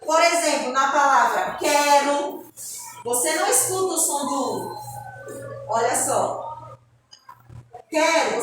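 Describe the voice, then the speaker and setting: A woman teaching young children a phonics lesson, speaking slowly and patiently with a Brazilian Portuguese accent and often asking the children whether they agree. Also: high-pitched, reverberant, noisy background. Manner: slow, patient, spells out sounds. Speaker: primary school teacher. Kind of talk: recorded classroom lesson.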